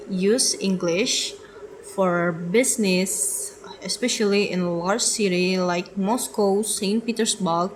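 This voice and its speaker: A woman's voice: medium pitch, slight background noise, poor audio. A young woman giving a class presentation from slides, hesitant, with fillers and self-corrections. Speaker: student presenter.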